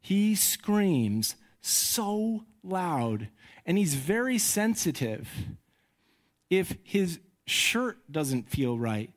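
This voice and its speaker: A man in his thirties preaching a sermon on a microphone in a church, conversational and animated when he tells stories. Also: high-pitched, very slow. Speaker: pastor. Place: church sanctuary. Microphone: handheld or headset mic.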